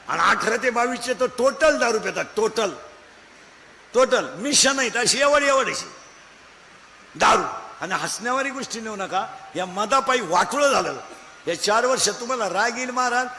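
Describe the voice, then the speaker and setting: A man with a Marathi accent preaching a comic kirtan sermon, scolding the crowd, asking rhetorical questions and breaking into shouts. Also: very high-pitched, slight background noise. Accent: Maharashtrian Marathi. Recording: hall echo, faint ambience.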